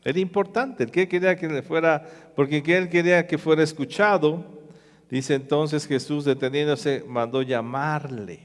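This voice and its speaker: Man, pastor, slightly high voice, animated sermon storytelling, long reverb of a hall. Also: moderate pace. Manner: storytelling, animated retelling of scripture.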